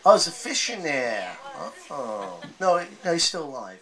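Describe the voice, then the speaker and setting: A man performing a stand-up comedy set, telling stories with acted-out voices and loud outbursts. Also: mid-range voice, big pitch swings, measured pace, low-quality recording. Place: live comedy venue with laughing audience. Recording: live audience crowd noise. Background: audience laughter and applause.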